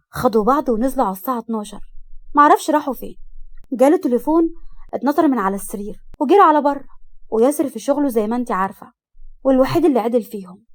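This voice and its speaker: A woman voicing an excitable, nosy teenage younger sister who teases and fires off questions, in an Egyptian accent. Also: a little high, lightly acted. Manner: teasing, rapid-fire questions.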